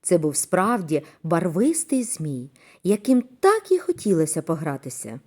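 A woman narrating a children's story in a gentle, expressive reading voice. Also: lowish voice, unhurried.

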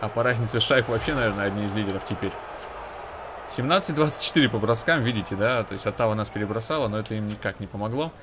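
Low-voiced man casually commentating a hockey game. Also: fast talker, background noise. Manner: conversational, analytical asides to viewers. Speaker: gamer commentating his own play.

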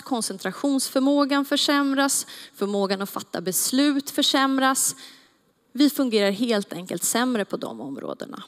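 A woman in her thirties speaks into a headset mic from a large theater stage, laying out points one after another in a clear, measured way. Her voice sits a little above the usual woman's pitch. The hall adds a long reverb to everything she says. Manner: clear, measured listing with pauses. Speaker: child psychologist lecturer. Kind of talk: public lecture on stage.

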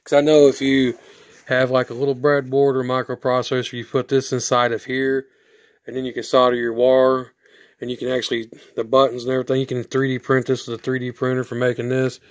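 A man with a hoarse, stuffy voice talks through a game cartridge in a rambling home video. His pitch stays mostly level and unvaried, sitting right at an ordinary middle height. The sound is close and dry, with little room echo. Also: fairly quick. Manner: rambling, flat delivery with restarts. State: hoarse from sinuses. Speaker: product reviewer. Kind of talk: casual video review.

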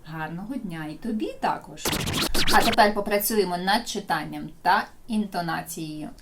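A woman teaching English in a video lesson, explaining in Ukrainian and modelling phrases slowly for learners to repeat. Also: on the low side, heavy background noise.

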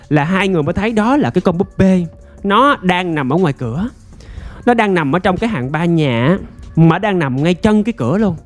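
A man tells a ghost story in a loose, chatty way, stretching out his phrases and filling them with small asides. His voice sits a bit high for a man. Soft music plays faintly behind him. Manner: chatty, drawn-out storytelling with many fillers. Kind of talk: casual ghost story narration.

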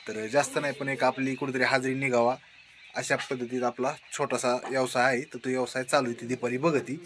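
A young man with a bright, forceful voice chats his way through a family vlog, talking to the camera and his children as he walks around his farm. He is recorded outdoors on a phone camera, with a faint hiss behind him. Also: medium pitch, level tone, brisk. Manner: chatty, talks to baby and family while walking around. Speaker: vlogger.

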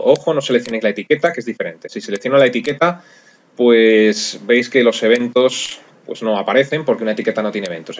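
Relaxed man explaining software. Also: medium pitch, highs cut off, slight background noise. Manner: relaxed, step-by-step explaining with frequent fillers. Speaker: software course instructor. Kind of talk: screencast tutorial narration.

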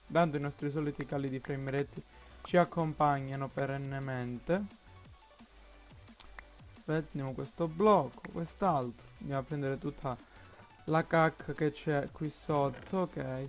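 A man with an Italian accent commenting on his own Minecraft play, slow and halting, thinking aloud with many fillers. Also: mid-range voice. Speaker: gaming YouTuber.

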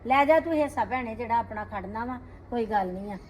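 An actress playing a middle-aged sister-in-law who scolds with indignant rhetorical questions, speaking Punjabi-accented. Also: female voice, on the high side, animated, fairly quick, darkish tone, a little hiss or hum, lightly acted. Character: sister-in-law defending her household, middle-aged woman. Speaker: actor in a family drama. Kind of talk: scripted short film acting.

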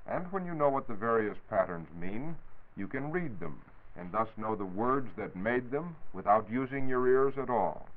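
Playing a 1940s radio science reporter, this American man has a mid-range voice with lively intonation at normal speed. He delivers a precise, formal scripted explanation over a tinny, telephone-like 1940s-style recording.

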